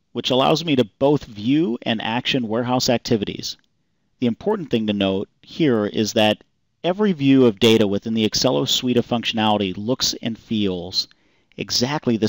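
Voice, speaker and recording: A man calmly reading a scripted software demonstration voice-over in an even, explanatory way. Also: mid-range voice, no echo. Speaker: software demo narrator. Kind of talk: scripted product demo narration.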